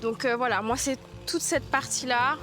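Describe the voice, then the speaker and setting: With background music playing, a village activist from French Guiana responds to interview questions in earnest, repeating words to stress her points. She has a high, fairly bright voice and speaks at a normal speed.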